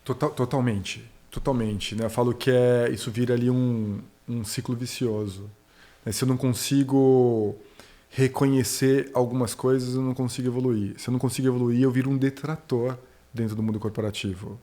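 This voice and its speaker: A man's voice: mid-range voice, fairly even intonation, moderate pace, warm tone. Earnest Brazilian man mentoring on careers. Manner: earnest, explanatory, tells anecdotes with quoted dialogue. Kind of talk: conversational podcast interview.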